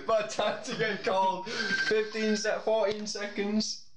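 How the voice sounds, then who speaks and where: A man's voice: high-pitched, level tone, a little slow, over a noisy crowd. A man bantering casually during a challenge video, recorded in a room at home. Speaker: challenge participant. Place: small indoor room at home. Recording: noisy, echoey room recording with clicks.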